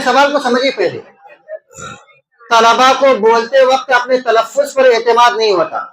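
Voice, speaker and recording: Man with a very high voice, teaching loudly. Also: low-quality recording. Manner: checks in with the class, often asking "right?"; talks loudly over the room to students. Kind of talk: classroom exam-prep lesson. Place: classroom with students.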